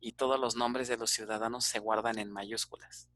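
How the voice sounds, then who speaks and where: Bright-voiced Mexican man teaching class. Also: on the low side, flat delivery, normal speed. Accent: Mexican Spanish. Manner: explanatory, checks in with frequent "ok?" and "este" fillers. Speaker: university database teacher. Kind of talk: online class lecture.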